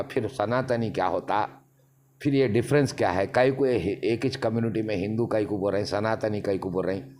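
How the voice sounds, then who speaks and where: A man's voice: lowish voice, a little mellow. Man, interview guest, emphatic, long winding explanations. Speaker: interview guest, party leader. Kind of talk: casual interview talk.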